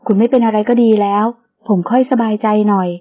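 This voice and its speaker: A woman's voice: on the high side, fast talker, muffled recording, natural voice. A woman playing a devoted wounded young sheikh. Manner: intense, loving, earnest.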